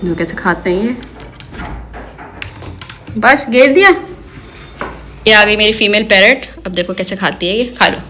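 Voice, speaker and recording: Bright, sing-song woman talking to her parrots. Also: medium pitch, unhurried, long pauses, a little hiss or hum. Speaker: pet vlogger. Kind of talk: casual vlog narration. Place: indoors at home. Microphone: phone held in hand.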